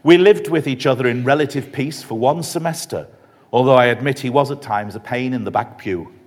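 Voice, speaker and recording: A man preaching a retreat sermon, telling a story in a measured, reflective way. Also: medium pitch. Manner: measured, reflective, softly emphatic.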